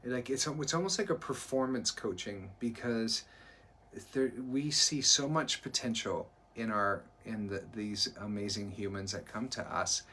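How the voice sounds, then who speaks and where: Earnest and encouraging, a performance coach co-hosting a live stream keeps restarting his sentences. His fairly low voice is slightly rough and sharp in tone, moving at a measured pace.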